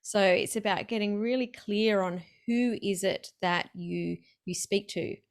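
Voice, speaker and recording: A woman hosting a casual interview, chatty and excited, laughing easily as she talks. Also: medium pitch, a little slow. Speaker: podcast host.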